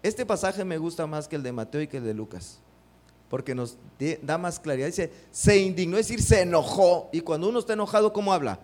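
A middle-aged man preaching a sermon, animated, acting out quotes and asking the congregation rhetorical questions. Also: a little high, a little fast. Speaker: pastor. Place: church.

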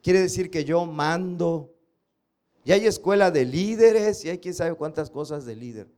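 Man preaching with slow emphatic recitation. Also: a little high, animated, darkish tone. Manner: slow emphatic recitation of scripture, drilling the audience; rhetorical questions to listeners. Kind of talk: sermon with congregation recitation.

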